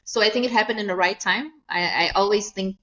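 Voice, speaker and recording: A woman's voice: mid-range voice, pushed and bright. Woman from Mozambique, dull lo-fi sound. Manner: earnest, halting with restarts. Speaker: agency CEO, guest. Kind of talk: conversational interview.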